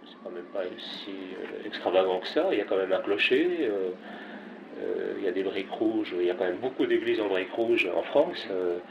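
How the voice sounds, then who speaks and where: A man's voice: deep voice, moderate pace, creaky, muffled recording. Hesitant man over noisy ambience. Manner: hesitant, many fillers and restarts. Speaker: interviewee speaking about a chapel. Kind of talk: spontaneous spoken comments.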